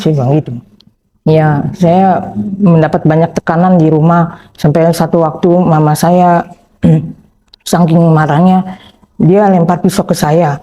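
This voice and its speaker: A young woman telling her own story in a plain, halting way with many fillers, quoting herself and others. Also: lowish voice, warm tone. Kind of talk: personal testimony.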